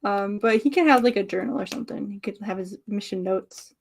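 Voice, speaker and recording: A woman's voice: medium pitch, fairly quick, creaky, a little mellow, slight background noise. A woman co-hosting a casual group podcast chat, laughing often and putting on mocking voices when she tells a story. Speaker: podcast co-host.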